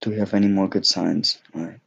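A man's voice: sits low, little pitch movement, quick pace, gravelly, fairly bright tone, husky. A young man giving casual, joking gameplay commentary, rambling with many fillers and mocking himself. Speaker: gaming YouTuber.

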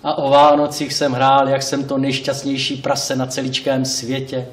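A man playing a talkative, wistful male pig who rambles, corrects himself, speaks straight to the audience and bursts into indignant shouts, on a theatre stage. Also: medium pitch, completely flat delivery, distant mic, lightly acted. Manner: rambling, self-correcting, addresses the audience directly. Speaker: stage actor. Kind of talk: live stage monologue. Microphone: distant room mic. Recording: roomy live stage recording from afar.

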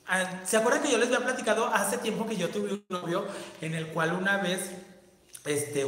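A flamboyant man with a Mexican accent chats casually to viewers on a livestream, reading their comments aloud in a bright, forceful voice. The room is very echoey, with a long reverb trailing each phrase. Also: sits high.

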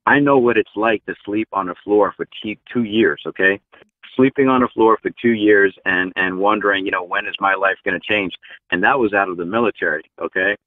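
A man's voice: lowish voice, a little fast, no echo. A man in his forties, a truck driver guest, talking earnestly with many fillers over a video call. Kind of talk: casual interview talk. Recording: tinny phone line.

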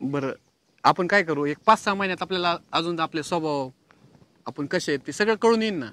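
A man's voice: fairly high pitch, a little fast, pushed and bright. A man playing a husband who courts another woman and gets caught by his wife. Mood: sweet-talking. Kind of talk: comedy sketch acting.

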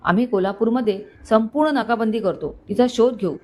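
This is a woman playing a middle-aged male police commissioner in a told story. He is firm and in command, and he gives clear instructions. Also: a little high, a little fast, a little mellow, natural voice.

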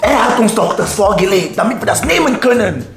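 A man acting as a loud, bossy best friend in a comedy sketch, scolding and repeating himself. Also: high voice, lively intonation, fairly quick. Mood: insistent. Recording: echoey room with loud music.

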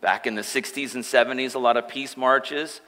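A man's voice: medium pitch, fairly even intonation, normal speed, sharp tone. Joking man preaching in a reverberant church. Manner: joking, conversational, with frequent asides to the congregation. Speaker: pastor. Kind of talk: sermon. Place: church sanctuary. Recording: long church hall reverb.

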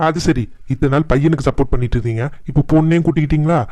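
A man's voice: on the high side, very fast, a little mellow, no room sound, close to an everyday voice. Guy doing a bitter sneering cartoon son, young troublemaker, dry close voice. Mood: defiant. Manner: sneering, spiteful.

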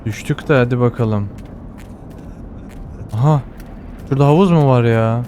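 A man with a Turkish accent giving excited running commentary while playing a game, often repeating words and exclaiming. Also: medium pitch, moderate pace, a little hiss or hum. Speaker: gamer.

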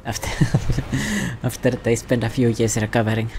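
A man's voice: medium pitch, little pitch movement, measured pace, vocal fry, darkish tone, slight background noise. A man giving casual, self-mocking, rambling commentary over his gameplay. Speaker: gaming commentator.

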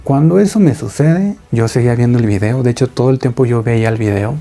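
A man's voice: medium pitch, fast talker, creaky, warm tone. A man narrating a listener's story in a conversational way, speaking directly to his audience. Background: faint background music.

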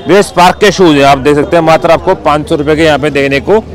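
A man vlogs while walking an outdoor street market, voice a little high and pace quick. He's cheerful and talkative, asking sellers about prices and repeating "bhai" and "theek hai," over a rough recording with crowd chatter and traffic.

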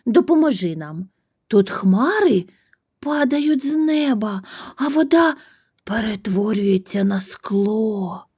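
A woman's voice: medium pitch, expressive, slow pace, warm tone, breathy edge. A woman voicing a proud but bewildered little male crow, speaking earnestly.

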